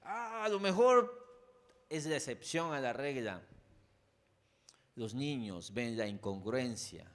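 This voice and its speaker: A man with a Mexican accent preaching a conversational sermon. He speaks straight to his listeners with frequent asides, swinging between loud, emphatic peaks and quiet, low lines. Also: animated, takes it slowly, long pauses. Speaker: pastor.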